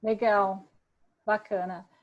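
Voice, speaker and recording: A woman's voice: mid-range voice, little pitch movement, takes it slowly, lo-fi sound. A Brazilian woman moderating an online discussion conversationally and handing over to participants. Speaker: roundtable moderator.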